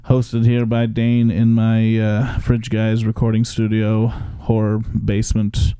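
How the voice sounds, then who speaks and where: A man's voice: fairly low pitch, completely flat delivery, slow, dark tone, clean tone, no echo. A man hosting a casual podcast from his basement home studio, upbeat and chatty, often restarting his sentences. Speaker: podcast host. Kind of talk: casual chat.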